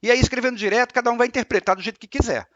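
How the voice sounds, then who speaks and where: A man with a Brazilian Portuguese accent giving a spiritual lecture, explaining calmly and repeating his points with examples. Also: very high voice, racing, dry recording, muffled recording. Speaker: religious lecturer.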